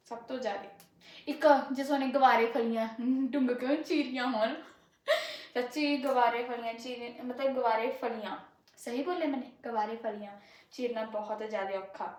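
Her voice is fairly high and a little mellow, at a normal pace, as this young woman from Punjab, India, chats while she cooks. A cooking vlogger with a rural Malwa Punjabi accent, she rambles chattily with frequent filler tags, and her home kitchen sounds echoey.

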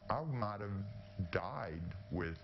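Disguised, pitched-down voice of a woman. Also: expressive, highs cut off, a little hiss or hum. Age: 60s. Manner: halting, earnest, short plain sentences. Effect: voice electronically altered lower to hide identity. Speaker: anonymous interviewee. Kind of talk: news interview.

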